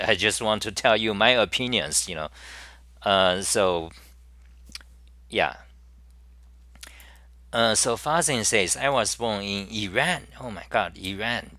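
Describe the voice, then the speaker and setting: A man's voice: fairly low pitch, sharp tone, no room sound. A man hosting his own casual live-stream talk show, speaking in a rambling way with many fillers and restarts. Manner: reads viewer chat messages aloud.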